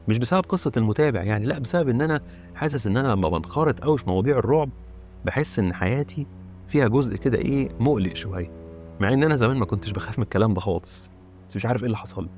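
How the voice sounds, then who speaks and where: Rapid-talking Egyptian man telling a story. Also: mid-range voice, darkish tone. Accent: Egyptian Arabic. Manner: rapid, conversational retelling. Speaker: horror channel host. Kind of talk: first-person storytelling.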